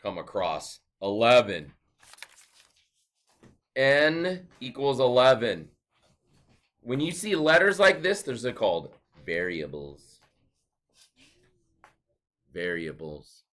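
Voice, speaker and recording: A man's voice: medium pitch, very animated, slow, pauses often, fairly bright tone. A male teacher giving a recorded math lesson, explaining step by step and asking and answering his own questions.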